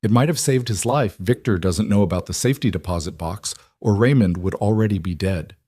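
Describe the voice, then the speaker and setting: A sharp, cool-headed former CEO, a woman, presses her points in a level, probing tone, as a man reads her. The voice is lowish and dry-sounding. It is audiobook-style story narration. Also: a little fast, slightly rough, no room sound.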